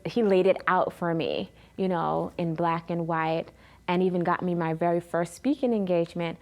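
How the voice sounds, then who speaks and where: Woman, 30s, interview guest, personal testimony, earnest and animated, lowish voice. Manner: earnest, animated when retelling conversations.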